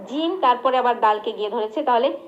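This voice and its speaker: A woman teaches a class with patience, sounding out each syllable slowly and then checking with her listeners. Her voice sits high and clear. The recording is muffled and lo-fi. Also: slight background noise. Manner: patient, repeats and drills pronunciation, asks the class questions. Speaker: religious teacher. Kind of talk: slow recitation lesson. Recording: dull lo-fi recording.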